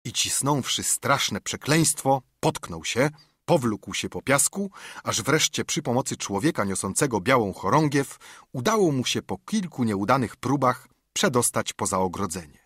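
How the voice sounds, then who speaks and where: Husky male audiobook narrator. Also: mid-range voice, expressive, moderate pace, a bit bright, dry recording, studio quality. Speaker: audiobook reader. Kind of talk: scripted narration.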